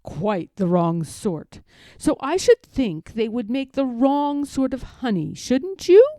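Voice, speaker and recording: A woman voicing an earnest, self-important male toy bear from a children's storybook, speaking deliberately. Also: on the high side, very animated, dark tone, no echo. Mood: solemn, decided. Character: earnest, pompous little toy bear, male, slow-thinking.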